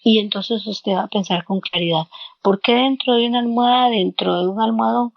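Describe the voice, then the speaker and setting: A woman's voice: on the high side, brisk, gravelly, dry recording. A woman guest giving counseling advice in an interview, explaining step by step and repeating words as she searches for them. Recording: dull lo-fi, dry sound.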